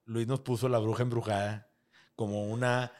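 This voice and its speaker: A man with a northern Mexican accent hosts a casual podcast chat. His mid-pitched voice carries loose slang and plenty of swearing. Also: flat delivery, normal speed, darkish tone. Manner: slangy and profane. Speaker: podcast host.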